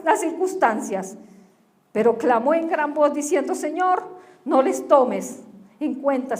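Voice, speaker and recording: High-voiced woman pastor preaching. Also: darkish tone, roomy sound. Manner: preaching with rhetorical questions to the congregation. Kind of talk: sermon. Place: church.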